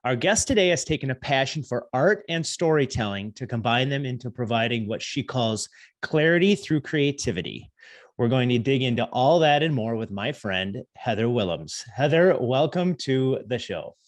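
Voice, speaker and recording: A man hosting a podcast in a friendly, halting way with many fillers. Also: medium pitch, animated. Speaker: podcast host. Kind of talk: casual interview chat.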